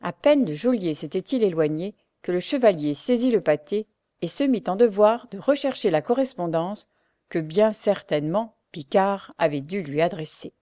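A woman reading a classic adventure story aloud in a measured narration. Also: mid-range voice, expressive, dark tone, dry recording, clean studio sound.

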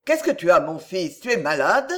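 A woman's voice: lowish voice, sing-song, moderate pace. A woman reading the lines of a bewildered, worried father, who asks puzzled, pleading questions.

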